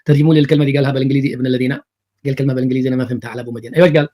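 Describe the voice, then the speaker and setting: A man's voice: medium pitch, very fast. A man giving sarcastic reaction commentary on TV clips, mocking and repeating phrases. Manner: mocking, repetitive, animated.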